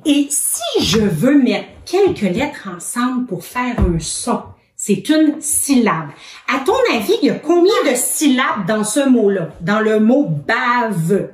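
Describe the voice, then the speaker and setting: A woman with a Québécois accent gives a lesson to young children. She is patient and encouraging, with an unhurried pace and a rather high voice that moves a lot. The room sounds roomy and echoing. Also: big pitch swings, far from the mic. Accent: Québécois French. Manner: patient, encouraging, asks many questions. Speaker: children's educator.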